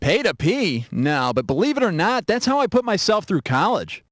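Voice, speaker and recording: A man's voice: high voice, very animated, moderate pace, heavy background noise. A man playing a wisecracking, sarcastic adult quiz show host in a video game, teasing the player with jokes. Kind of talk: scripted wisecracking quiz hosting. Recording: loud game music underneath. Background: loud game show music.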